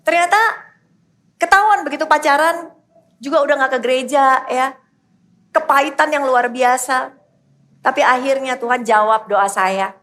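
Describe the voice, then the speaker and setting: Woman pastor, high voice, Indonesian accent, emphatic youth sermon, repeats phrases. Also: normal speed, long pauses, fairly bright tone. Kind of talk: youth sermon with personal story. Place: church hall in a mall.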